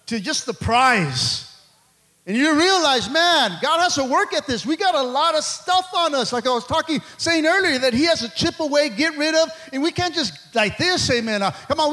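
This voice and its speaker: A middle-aged male pastor preaching a lively sermon, joking, laughing and calling out to the congregation. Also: extremely high pitch.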